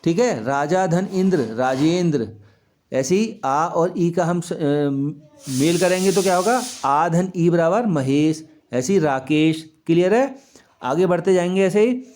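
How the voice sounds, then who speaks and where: A man's voice: a little high, lively intonation, darkish tone. Patient man teaching children a lesson. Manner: patient, asks the class questions and answers them; repeats examples slowly, stretching key sounds. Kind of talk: Hindi grammar lesson for children.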